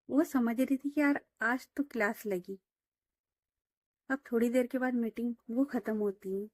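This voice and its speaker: Woman storyteller, chatty informal narration, mellow darker tone, dry close sound. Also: a little high, no echo. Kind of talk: conversational audio-story narration.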